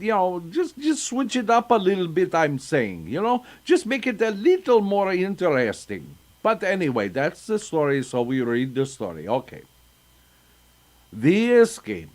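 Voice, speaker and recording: An older man reading folktales aloud to children as a storyteller, chatty and breaking off into asides. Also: fairly high pitch. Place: synagogue.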